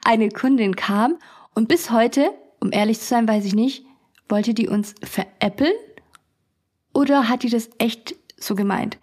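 A young adult woman who owns a beauty studio hosts a casual storytelling podcast, chatting, telling funny stories, laughing often, and acting out customers' voices. Her voice is a little high with a darkish tone, at a measured pace.

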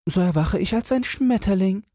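A man's voice: sits high, expressive, normal speed, warm tone, no echo, studio quality, pitched above the performer's own voice. A man voicing a dreamy, cheerful cabbage caterpillar in a storybook reading.

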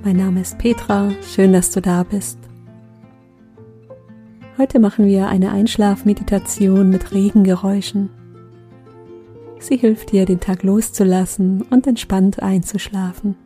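A woman guiding a sleep meditation in a gentle, soothing, unhurried manner with long pauses. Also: medium pitch, fairly even intonation, soft background music. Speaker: meditation guide, host.

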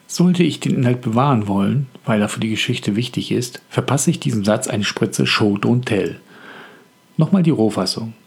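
A man who is an author hosting a scripted podcast on the craft of writing, speaking in a calm, reflective and measured way. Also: mid-range voice, vocal fry, breathy edge.

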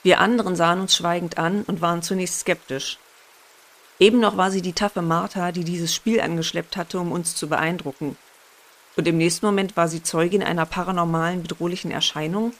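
A woman narrating a first-person horror story in a measured, suspenseful way. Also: lowish voice.

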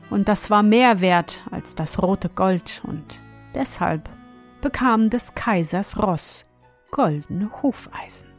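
A woman narrating a bedtime fairy tale in a soft, calm voice. She reads very slowly at a middle pitch, with quiet music playing faintly underneath. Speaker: podcast host and storyteller. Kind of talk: gentle bedtime story narration.

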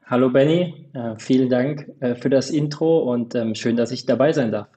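Mellow, hesitant man in his thirties. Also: medium pitch, moderate pace. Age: 30s. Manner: hesitant, filler-heavy. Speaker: podcast guest, football referee. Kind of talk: casual interview chat.

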